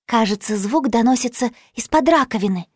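A woman voicing a cheerful young girl who speaks in a bright, gushing, excited way. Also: on the high side, fairly quick, breathy edge, dry recording, clean studio sound. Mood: bubbly.

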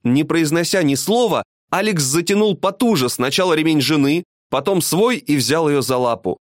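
Expressive male storybook narrator. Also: fairly high pitch, moderate pace, no echo, studio quality. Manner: expressive, dramatic reading.

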